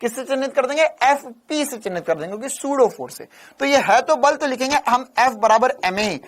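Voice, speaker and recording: A man's voice: extremely high pitch, animated, a little fast. A man teaching physics in a casual classroom lecture, telling playful stories, repeating key terms and quizzing his listeners. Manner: playful storytelling.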